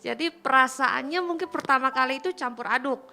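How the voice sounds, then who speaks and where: A woman's voice: high-pitched, brisk, pushed and bright. Chatty middle-aged woman telling stories. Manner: chatty, storytelling with quoted dialogue. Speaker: pastor's wife, guest. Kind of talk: casual testimony chat.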